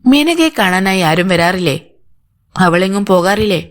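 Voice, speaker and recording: A woman's voice: medium pitch, expressive, moderate pace, natural voice. A woman voicing a stern male police inspector. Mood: questioning. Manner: firm, interrogating. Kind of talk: audiobook character voice.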